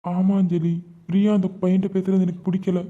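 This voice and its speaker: A woman's voice: medium pitch, flat delivery, a little fast, background noise, natural voice. A woman voicing a controlling but remorseful father in a cartoon series. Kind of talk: cartoon web series voice acting. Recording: tinny phone-like recording.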